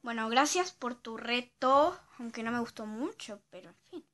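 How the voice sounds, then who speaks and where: Girl w doing dares on her channel, high bright voice, chatty n giggly, phone mic. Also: moderate pace. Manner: chatty, giggly, lively reactions. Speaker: channel host. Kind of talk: casual chat reading viewer dares.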